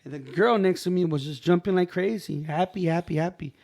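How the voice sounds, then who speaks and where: A man on a podcast telling a personal story in a casual, animated way, acting out the voices of people in it and dropping in "bro" and "man" often. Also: sits high, a little fast.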